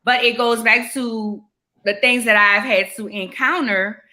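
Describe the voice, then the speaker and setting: A woman in her forties with a bright, forceful voice pitched a little high. She speaks frankly about her own life in animated podcast chat. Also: measured pace. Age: 40s. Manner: frank, personal, animated storytelling. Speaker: podcast co-host. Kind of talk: candid conversational chat.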